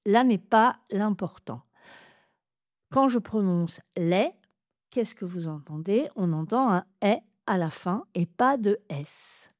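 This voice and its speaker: A woman teaching French pronunciation, speaking clearly and deliberately as she spells out examples. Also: medium pitch, animated, no echo, clean studio sound. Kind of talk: slow, carefully articulated lesson.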